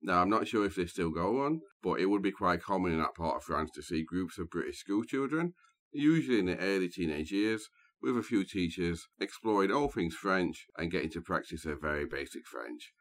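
A man hosting a true crime podcast, telling the story in a measured, scene-setting way. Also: low voice, expressive. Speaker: podcast host. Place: small booth, sharing a room with co-host.

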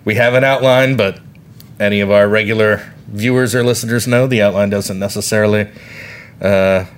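A man's voice: on the low side, steady tone, moderate pace. A man co-hosting a podcast in casual chat, talking in a wry, rambling way. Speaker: podcast co-host.

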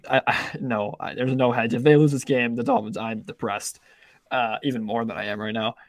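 A man's voice: mid-range voice, fairly even intonation, a little fast, dry recording, clean studio sound. A young man co-hosting a casual sports betting podcast, talking in rambling bursts with many restarts and the odd swear word. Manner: rambling, self-interrupting, frequent restarts and swearing. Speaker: podcast co-host.

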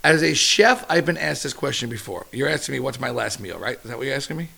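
Gravelly middle-aged chef telling stories. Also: male voice, mid-range voice, fast. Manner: animated storyteller, casual and profane. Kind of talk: casual interview chat.

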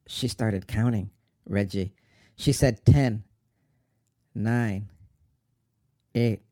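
An actor playing a grieving young man who talks in a slow, halting, tearful way about his mother. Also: lowish voice, dark tone, no room sound, clean studio sound. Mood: pleading. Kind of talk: dramatic monologue.

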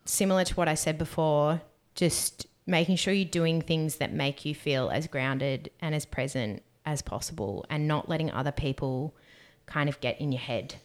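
A young woman co-hosting a podcast, reading out questions and chatting in a relaxed way about staying grounded and good energy. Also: deep voice, moderate pace. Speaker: podcast co-host. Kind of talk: casual podcast chat.

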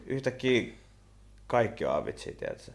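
A young man, co-hosting a podcast and telling stories in an animated, slangy casual chat. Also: mid-range voice, gravelly. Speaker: podcast co-host.

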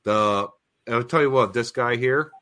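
A man's voice: medium pitch, a little slow, pushed and bright. A man co-hosting a live stream, talking earnestly and emphatically about prophecy timelines, often repeating his phrases. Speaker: co-host of a prophecy talk stream. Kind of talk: casual live-stream discussion.

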